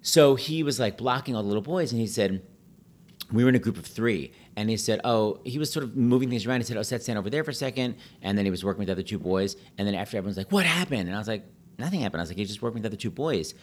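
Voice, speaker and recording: A middle-aged man telling stories in a casual, animated chat, full of "like" and quick asides. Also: on the low side. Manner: chatty, animated, peppered with "like".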